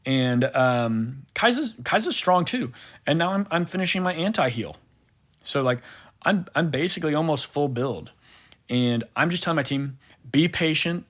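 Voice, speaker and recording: A man's voice: fairly high pitch, lively intonation, moderate pace, fairly bright tone. A man commentating over a replay of his own gameplay as a coach, talking casually and animatedly, with lots of fillers and repeated words. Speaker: gaming coach.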